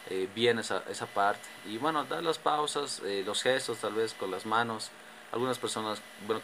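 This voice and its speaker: A low-voiced man presents to his class on public speaking, pausing and restarting often. A faint hiss sits under his voice. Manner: hesitant, many fillers and restarts. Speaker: student presenter.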